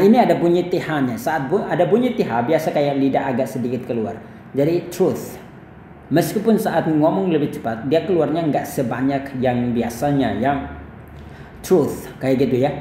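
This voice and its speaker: A man's voice: fairly high pitch, warm tone, reverberant, a little hiss or hum. A man from Indonesia teaching English pronunciation, explaining patiently and repeating each word several times. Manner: explains slowly, repeats words many times with "ya". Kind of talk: pronunciation lesson.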